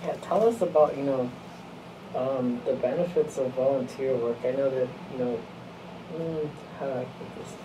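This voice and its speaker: A young man asking casual interview questions in a halting, informal way. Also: mid-range voice. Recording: noisy, distant mic, room ambience.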